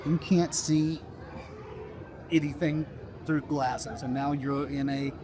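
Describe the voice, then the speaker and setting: A man's voice: on the high side, steady tone, slow pace, mellow, some chatter behind, slight background noise. A man casually demonstrating a product to someone face to face, with informal, instructive sales patter. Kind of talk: casual product demo to a passer-by.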